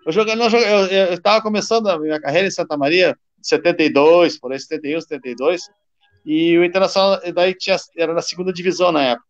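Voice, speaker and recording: A former football player from southern Brazil telling stories in casual chat, halting and repeating words. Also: male voice, fairly high pitch. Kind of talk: casual storytelling on a call. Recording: dull lo-fi call audio.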